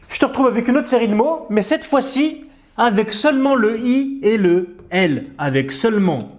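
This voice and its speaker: High-voiced man teaching reading, playful. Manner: slow, drawn-out model pronunciations; playful, teasing asides. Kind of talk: bilingual reading lesson.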